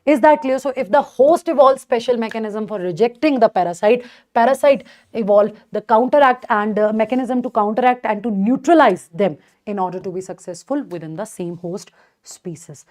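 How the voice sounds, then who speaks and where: Casting: female teacher, North Indian accent, higher-pitched voice, informal lecture delivery, emphatic and repetitive on key points. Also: moderate pace, darkish tone. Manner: emphatic, repeats key points, checks in with students. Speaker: biology teacher.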